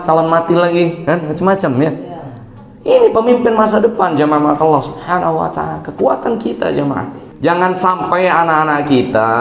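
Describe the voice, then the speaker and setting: Animated Sundanese-accented preacher, echoey hall. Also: male voice. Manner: animated, swings pitch for quoted characters, addresses audience as Pak and jemaah. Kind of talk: lively sermon with storytelling.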